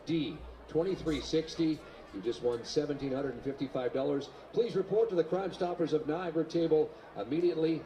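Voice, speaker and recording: A man making formal announcements at a baseball park, heard through the stadium public address system. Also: fairly high pitch. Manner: formal, measured announcer delivery. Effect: heard over a stadium PA system. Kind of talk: ballpark PA announcements. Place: outdoor ballpark. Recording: echoing stadium loudspeaker outdoors.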